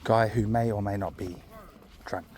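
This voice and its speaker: A man's voice: lowish voice, steady tone, moderate pace, darkish tone. A man with a broad New Zealand accent chats in a casual, easygoing, rambling vlog style, as if out walking with his dog. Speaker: vlog host. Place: outdoors on a walk. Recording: outdoor ambient noise.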